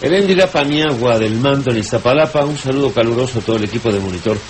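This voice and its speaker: A man's voice: medium pitch, animated, slight background noise, low-quality recording. A man with a Mexican accent hosting a radio show, reading listeners' questions aloud and chatting along with the guest. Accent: Mexican Spanish. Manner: reads letters briskly, then chats along.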